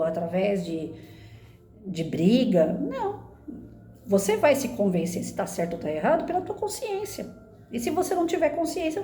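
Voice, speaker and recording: A woman's voice: medium pitch, mellow, roomy sound, a little hiss or hum. A woman in her fifties, a former teacher, giving earnest conversational advice on family life and often ending phrases with tag questions. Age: 50s. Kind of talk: casual spoken reflection to camera.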